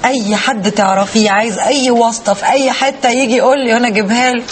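A woman's voice: on the high side, steady tone, racing, noisy background, lightly acted. A woman playing a sarcastic young Egyptian woman. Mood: scheming. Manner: sarcastic, melodramatic asides. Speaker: comic lead. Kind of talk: TV comedy acting.

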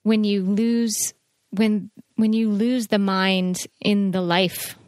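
A woman of ordinary pitch talks casually, recalling family moments and gently prompting her co-host. Her voice sits close and dry in the mic. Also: steady tone, slow, no room sound. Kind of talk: casual conversation.

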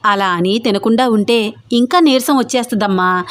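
A kindly older maid of the house, voiced by a woman storyteller. She coaxes softly and patiently. Her voice sits slightly high. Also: normal speed, dry recording, studio quality, close to an everyday voice. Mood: coaxing. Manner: gentle, coaxing.

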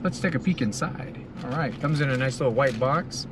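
A middle-aged American man, mid-range in voice and fairly quick in delivery, reviews food casually to camera inside a car, relishing it between bites. Ambient noise from the cabin is clearly present.

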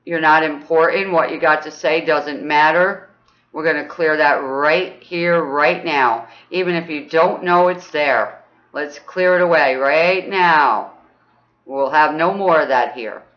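A woman's voice: measured pace, dull audio. Bubbly woman leading chakra exercise. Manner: upbeat, chatty, ends phrases with "okay?"; bursts into high whoops. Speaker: spiritual teacher.

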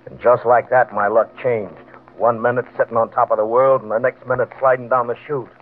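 Again the nervous, desperate gambler from the vintage radio crime show, narrow band with faint music behind him, tells of his ruin in colloquial tough-guy slang. His natural mid-range voice runs a little fast with fairly even intonation; he broods and stammers under pressure.

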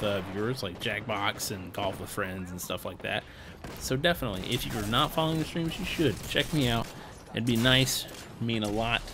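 A young man with a lowish voice talks over his gameplay footage in a loose, easygoing ramble. He sounds tired and lets out small chuckles as he goes. A faint hum sits underneath. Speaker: gaming channel host and streamer. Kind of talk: casual voice-over gameplay commentary.

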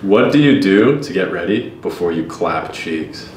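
A man's voice: deep voice, lively intonation, unhurried, recorded from a distance. A young man hosting a casual drinking-game chat, joking and crude, laughing often. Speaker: host. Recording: echoey room with faint noise.

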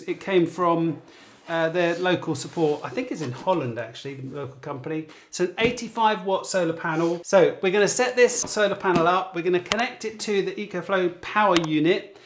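A man's voice: high-pitched, fairly quick, slight background noise. A man with a British accent casually chatting through a tech unboxing at home, wandering and restarting his sentences. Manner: chatty, meandering, restarts phrases. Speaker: tech reviewer.

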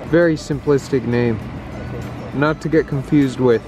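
A man's voice: mid-range voice, measured pace. Joking young man vlogging outdoors. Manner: joking, playful narration to camera. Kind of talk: casual travel vlog. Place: outdoors on forest trails and a harbor. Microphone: handheld camera at arm's length. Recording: music under the voice.

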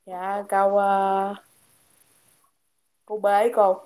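A woman's voice: medium pitch, monotone, slow, poor audio. A teenage girl student answering her teacher hesitantly in an online class. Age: teens. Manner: hesitant, soft-spoken.

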